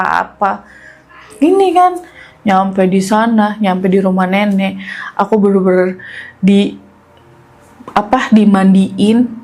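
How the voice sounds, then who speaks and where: A woman's voice: mid-range voice, darkish tone, low-quality recording. A woman casually telling a personal ghost story to a podcast host, chatty, often turning to address him. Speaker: guest storyteller.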